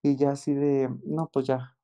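A man with a Mexican Spanish accent, telling a tale in an eager, slang-filled rush. His voice sits at a middling pitch and has a soft, mellow, darker tone. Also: measured pace, clear, resonant tone. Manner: excited, slangy, repeats exclamations. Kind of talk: casual chat, storytelling.

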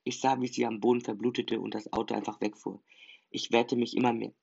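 A man's voice: medium pitch, little pitch movement, brisk, vocal fry, darkish tone. A man reading a first-person story aloud as narrator, emphatic in delivery. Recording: dull lo-fi recording.

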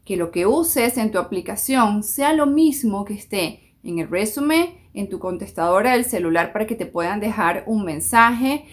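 A woman giving job-search advice in a conversational style, speaking straight to her listeners and switching into English to act out phone calls. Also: mid-range voice. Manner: conversational and explanatory, addressing listeners directly. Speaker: career and job-search advisor. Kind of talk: direct-to-camera advice talk.

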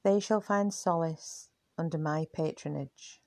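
A woman's voice: low-pitched, measured pace, darkish tone, no room sound. Hera, a woman reading a regal queen of gods. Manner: stately proclamation.

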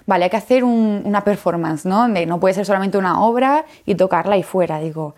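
A woman's voice: medium pitch, brisk, darkish tone. A young woman from Jerez with an Andalusian accent, a flutist guest in a casual interview, telling her story with animation, acting out what she said back then and laughing often. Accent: Andalusian Spanish. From Jerez, Spain.

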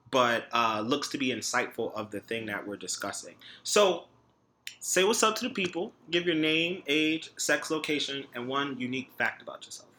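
A man hosting a podcast in an informal, conversational way, often pausing and adding little tags as he talks. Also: mid-range voice, pushed and bright. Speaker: podcast host. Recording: faint background noise.

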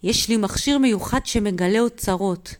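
A woman's voice: medium pitch, close to an everyday voice. A woman voicing an eager young boy in a bedtime story, proud of his special gadget.

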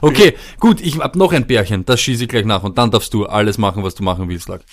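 A man's voice: fairly low pitch, quick pace. A man co-hosting a casual fantasy football podcast, rambling and laughing easily. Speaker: podcast co-host.

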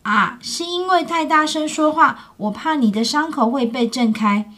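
A tiny baby pterosaur, put on by a woman reading a picture book with a high, childlike, wavering voice. It sounds gentle, timid and easily frightened. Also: lively intonation, moderate pace. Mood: nervous. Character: small scared baby pterosaur, sweet and kind.

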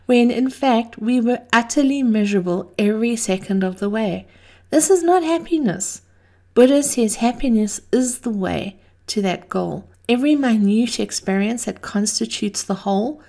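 A woman hosting an inspirational podcast, reading scripted reflections in a gentle, measured, reflective way. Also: mid-range voice. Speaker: host of a daily encouragement podcast.

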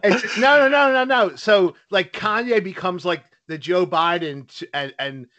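A middle-aged man and father chatting casually on a podcast, telling stories with lots of laughter and quick asides. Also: high voice, highs cut off. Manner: animated storyteller, laughs often. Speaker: podcast co-host. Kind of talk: casual chat.

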